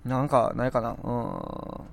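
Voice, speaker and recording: A man's voice: medium pitch, wildly swooping pitch, a little slow, creaky. A man with a Kansai accent and a scratchy, irritated throat, rambling and poking fun at himself as he chats through a face mask on his web radio show. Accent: Kansai Japanese. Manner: rambling, self-mocking, chatty. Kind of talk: casual solo chat. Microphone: speaking through a face mask.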